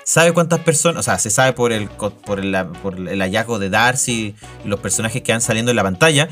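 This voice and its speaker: A man's voice: fairly low pitch, lively intonation, a little fast, a bit bright, faint music behind. A man with a Chilean accent co-hosting a casual chat about a TV series, joking and full of slang, often cutting himself off mid-sentence. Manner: slangy, joking, self-interrupting. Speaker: podcast co-host.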